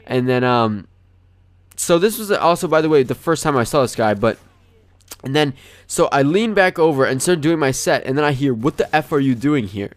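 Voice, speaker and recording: A man's voice: fairly high pitch, normal speed, no room sound. Rambling young man telling a story. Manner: rambling, animated, many fillers. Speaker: gaming channel host. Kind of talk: casual storytelling over gameplay.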